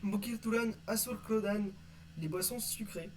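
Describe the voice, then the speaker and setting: A man teaching vocabulary from an invented language in a casual lesson, reading word lists and pausing often with fillers. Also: high voice, slight background noise, low-quality recording. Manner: reads word lists, hesitant with many "euh". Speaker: conlang teacher.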